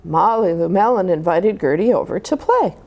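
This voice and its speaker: Reading a picture book to young children, this storyteller speaks expressively and deliberately. Her voice sits on the low side, and the audio sounds dull.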